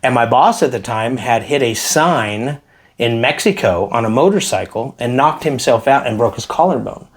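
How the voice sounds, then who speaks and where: Male guest, casual interview storyteller, lively when quoting others. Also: medium pitch, moderate pace. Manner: animated storyteller acting out quotes. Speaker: helicopter pilot guest.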